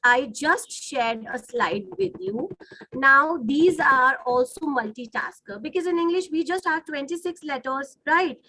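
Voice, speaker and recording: This woman, who has an Indian accent and speaks Hindi natively, teaches a didactic online lesson on a video call, rephrasing ideas and checking in with students. Her high voice is pushed and bright, at a measured pace. The recording quality is rough.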